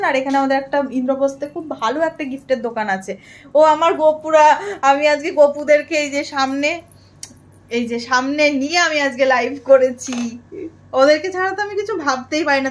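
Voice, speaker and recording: High-voiced chatty woman vlogger. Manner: chatty, switches between soft and loud. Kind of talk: casual chat to camera.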